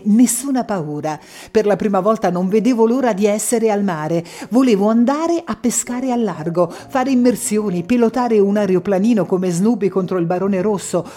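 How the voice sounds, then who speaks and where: A woman narrating a first-person story as an audiobook, reading expressively. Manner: expressive reading, voicing shouted quotes louder and higher.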